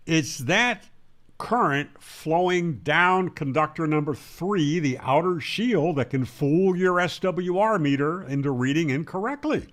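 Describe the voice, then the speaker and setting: Unhurried and slightly high-pitched, with a fairly bright tone, a male radio instructor delivers an explanatory lesson. He stresses points emphatically and answers the very questions he raises.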